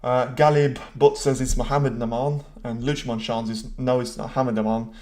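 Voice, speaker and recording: A talkative man hosting a live stream, chatting loosely between commentary and viewer comments. He answers the chat directly and pokes fun at himself as he goes. His pitch sits in an ordinary middle range for a man. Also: flat delivery, moderate pace, a little mellow. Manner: self-deprecating, rambling asides.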